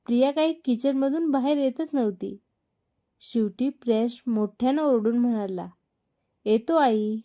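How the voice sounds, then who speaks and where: A woman narrating a romantic story in a calm, measured storytelling manner. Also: a little high.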